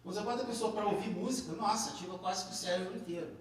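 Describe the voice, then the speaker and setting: A man's voice: high voice, very fast. A man with a Brazilian Portuguese accent giving a live classroom lecture, explaining step by step with frequent tag questions and restarts. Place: large echoey lecture room. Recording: echoey hall recorded from a distance.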